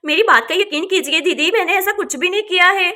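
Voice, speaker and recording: A woman's voice: extremely high pitch, a little fast, pushed and bright. A woman voicing a young village woman who frets and pleads while minding her sister's baby in a doll story. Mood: pleading. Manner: fretful, pleading.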